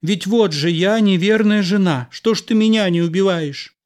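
A man reading the part of an angry, unfaithful young wife in an audiobook, scolding and sharp. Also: a little high, animated, normal speed. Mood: defiant.

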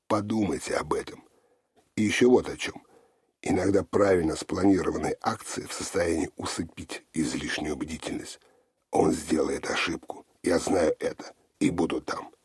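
A man's voice: low voice, a little mellow, breathy edge, no echo, studio quality, exaggerated voice. A man voicing a pushy, confident male investigator who talks in an insistent, lecturing way. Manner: insistent, self-assured, lecturing.

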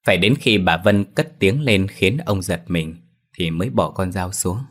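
Deep-voiced storyteller. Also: male voice, a little slow. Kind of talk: ghost story narration.

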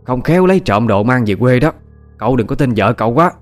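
A man's voice: mid-range voice, animated, fast talker, faint music behind, natural voice. A man voicing a harsh, suspicious older mother-in-law, who scolds and accuses. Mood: scolding. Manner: scolding, accusing, sharp-tongued.

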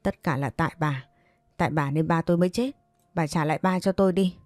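A woman's voice: deep voice, fairly quick, a little mellow, no echo, studio quality, lightly acted. A woman voicing a grief-stricken young woman who cries out and pleads after losing her father. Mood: grieving.

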